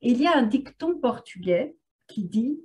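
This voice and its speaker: A woman's voice: fairly high pitch, lively intonation, normal speed, dark tone. A woman therapist talking casually on a video call, hesitant and full of filler sounds. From France. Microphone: video call microphone.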